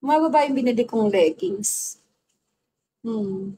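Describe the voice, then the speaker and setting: A woman's voice: a little high, lively intonation, a little slow, dark tone. A woman from the Philippines chatting on a phone livestream, answering viewer comments bluntly, scolding hecklers and laughing often. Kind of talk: casual livestream chat reading viewer comments. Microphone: phone livestream mic.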